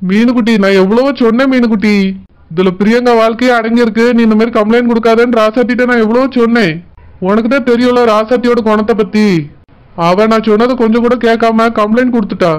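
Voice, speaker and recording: An anxious, gentle middle-aged husband in a cartoon, with a Tirunelveli Tamil accent, as a man acts him out. His voice is very high and smooth, and he keeps soothing and reassuring. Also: little pitch movement, fast. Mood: worried.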